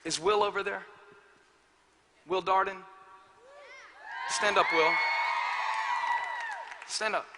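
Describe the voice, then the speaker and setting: A man in his thirties preaching an energetic sermon, telling a story and building up to shouts with joking asides. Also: high-pitched, slow pace, long pauses, a crowd in the background. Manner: animated, building to shouts, self-deprecating asides. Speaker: pastor. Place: large church auditorium. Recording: live church hall with reverb and faint noise.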